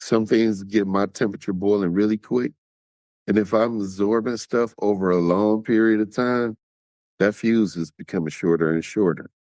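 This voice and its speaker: A man hosts his own podcast in a casual, direct style, addressing listeners as "y'all". His voice sits on the low side. The sound is dry and close, with no room echo. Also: steady tone, normal speed, darkish tone. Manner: conversational, talks straight to listeners, acts out quotes. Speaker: podcast host.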